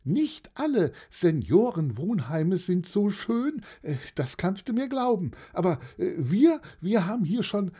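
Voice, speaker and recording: A narrator voicing a cheerful, excitable elderly aunt who chatters with little "äh" fillers, in a storybook reading. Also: measured pace, hardly any pauses, slightly rough. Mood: bubbly. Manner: bubbly, high and excited, with hesitant "äh" fillers. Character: cheerful elderly aunt hosting a birthday party.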